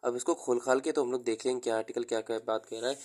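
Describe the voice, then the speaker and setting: A young man giving an exam-prep lecture in a mellow, fairly flat voice. He talks slowly, repeats key terms as he writes them down, and mixes Hindi with English terms. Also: medium pitch. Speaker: teacher.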